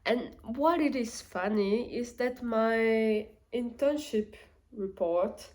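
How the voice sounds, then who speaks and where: Her voice fairly high and a little mellow, a young Portuguese-accented vlogger speaks slowly and casually to camera. She reflects as she goes, thinking aloud with fillers and fresh starts.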